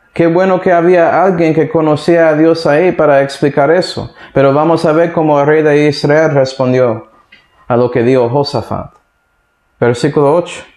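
A man's voice: fairly high pitch, a little mellow. Man preaching from the Bible in an echoey room. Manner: reads verses and breaks in with comments and "¿sí ve?". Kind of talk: sermon with Bible reading.

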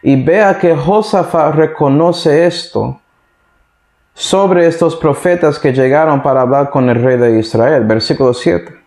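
A man's voice: on the high side, a little slow, darkish tone. Man preaching from the Bible in an echoey room. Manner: reads verses and breaks in with comments and "¿sí ve?". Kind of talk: sermon with Bible reading.

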